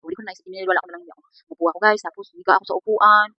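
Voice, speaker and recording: A woman vlogger talks very fast and rambles, her pitch swinging up and down as she tells a personal story. She sounds close and dry on a dull, lo-fi recording. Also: sing-song, no room sound. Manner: rambling, chatty, keeps saying "guys". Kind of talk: casual storytelling vlog.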